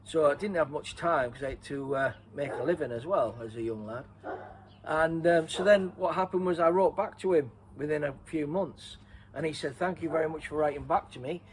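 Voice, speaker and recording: A man from Redcar in North East England, an interviewee and co-host, tells a story in a casual chat. His voice is a little high and his pace moderate as he rambles, corrects himself and laughs at himself. The audio is poor with slight background noise.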